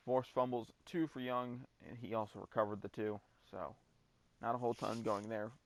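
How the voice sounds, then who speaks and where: A man's voice: on the low side, fairly even intonation, normal speed, dry recording. A man hosting a gaming video, talking through his football-game season in a laid-back, casual way and swearing now and then. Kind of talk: casual gameplay commentary.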